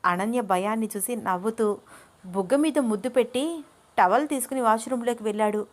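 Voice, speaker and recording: A woman's voice: a little high, brisk. A woman narrating a romance story in storyteller style, doing each character's lines herself. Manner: voices every character herself, lively.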